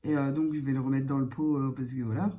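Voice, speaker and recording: A young woman chatting casually in a beauty vlog, halting and hesitant, her voice thick, congested and strained from tonsillitis and a sore throat. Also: extremely low pitch, steady tone, warm tone. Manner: hesitant, halting, searching for words. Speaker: beauty vlogger.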